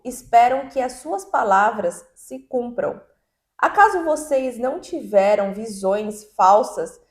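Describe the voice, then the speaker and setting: A woman with a Brazilian Portuguese accent, hosting a podcast and reading scripture aloud in a measured, deliberate way. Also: on the high side, darkish tone. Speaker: podcast host and Bible reader. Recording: roomy, echoey sound.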